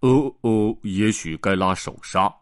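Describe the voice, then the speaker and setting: Bumbling storybook doctor, man doing him slow and hesitant, lower than narrator, dry. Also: no echo, close to an everyday voice. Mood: flustered. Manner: slow and hesitant, full of ers. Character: scatterbrained cheerful old male doctor.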